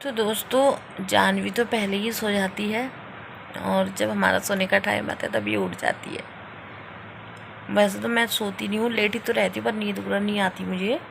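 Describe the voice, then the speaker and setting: A young woman chats unhurriedly to her viewers as if they were friends, filming a casual vlog at home. Her voice has a gravelly edge. Clear household noise sits behind her throughout. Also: medium pitch, steady tone, normal speed. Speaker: family vlogger, mother. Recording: noisy home ambience in background.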